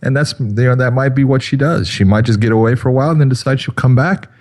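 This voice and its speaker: A man's voice: mid-range voice, quick pace, a little mellow. A man in his fifties co-hosting a podcast in casual chat, talking in a rambling way with lots of fillers. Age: 50s. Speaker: podcast co-host.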